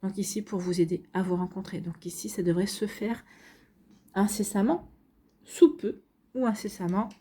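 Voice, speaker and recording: Husky and mellow, her mid-range voice moves at a normal speed as she reads tarot cards for her audience. The talk is casual and chatty, with frequent fillers and many repetitions of "donc ici."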